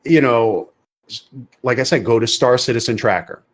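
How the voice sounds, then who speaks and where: Emphatic and opinionated, this gaming podcast co-host argues heatedly about a video game, tripping into sentences and repeating phrases for emphasis. He speaks at a moderate pace with a medium-pitched voice.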